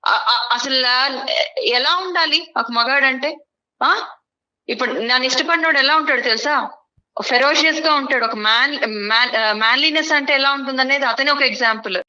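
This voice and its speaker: A woman's voice: high-pitched, normal speed, bright, forceful tone, dull audio, a little hiss or hum. A young woman on a talk show, firmly defending her choices and lecturing her ex-boyfriend. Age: young adult. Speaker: guest on a relationship talk show.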